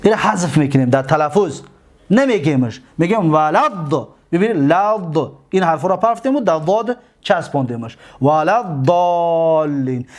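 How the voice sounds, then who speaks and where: A man with a Tajik accent teaching a seminary lesson on Arabic grammar, repeating his points patiently and drawing out each example word slowly. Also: high-pitched.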